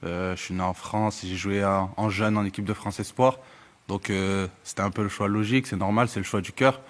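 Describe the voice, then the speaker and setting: A man answering questions at a press conference, hesitant, with many pauses and restarts. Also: fairly low pitch, steady tone.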